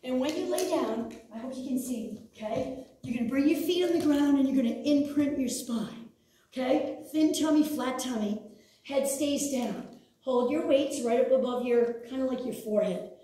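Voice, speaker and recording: A middle-aged woman speaks as an aerobics instructor, in a high, soft-edged mellow voice. She gives short, encouraging exercise cues and counts. The sound is distant, picked up across a very echoey studio. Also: moderate pace, slight background noise. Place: large indoor exercise studio with hard floor. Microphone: far camera. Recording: roomy echo, distant camera mic.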